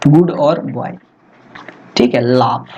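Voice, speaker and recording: A man tutoring students in a lesson, chatty and asking rhetorical questions, slowing down to dictate English phrases. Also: medium pitch, mellow, lo-fi sound, slight background noise. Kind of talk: Hindi-English exam lesson. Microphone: laptop recording.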